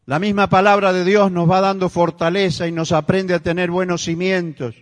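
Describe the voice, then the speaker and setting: A male pastor with a Rioplatense Spanish accent delivers an emphatic sermon, his high voice climbing toward near-shouts. The sound carries a long reverb, as if recorded in a large, echoey church hall. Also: level tone, moderate pace.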